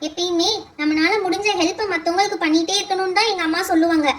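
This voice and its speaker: A woman's voice: very high-pitched, steady tone, fast talker, a bit bright. A woman voicing a kind little girl who earnestly coaxes and pleads with a friend's mother in a doll show. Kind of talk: doll pretend-play voice acting.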